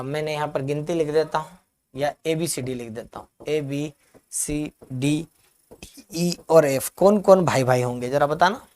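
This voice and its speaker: A male teacher leads a live online grammar lesson. He breaks off to reassure students who write in the chat. He then dictates definitions slowly and repeats them phrase by phrase. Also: a little high, darkish tone. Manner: answers chat comments, reassuring.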